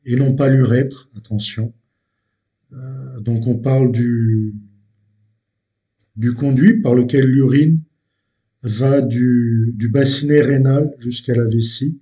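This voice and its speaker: A man teaching a language lesson, explaining step by step in a deliberate way with frequent hesitations and repeated words. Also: medium pitch, mellow.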